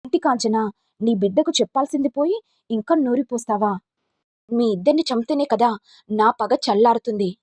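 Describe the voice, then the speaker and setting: A woman voicing a furious, vengeful middle-aged mother-in-law who shouts accusations. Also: on the high side, brisk, long pauses, no echo, close to an everyday voice.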